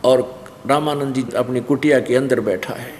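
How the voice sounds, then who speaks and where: A man with a Haryanvi accent, a spiritual teacher telling a story in an animated sermon. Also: mid-range voice, moderate pace. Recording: long hall reverb, faint noise.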